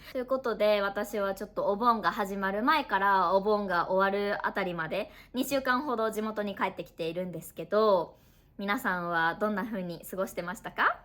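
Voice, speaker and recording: A woman in her twenties from Japan, an online Japanese teacher talking casually to learners at her family home, chatty and friendly, explaining slowly with examples. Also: mid-range voice, fairly bright tone. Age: 20s. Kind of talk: casual podcast talk to learners.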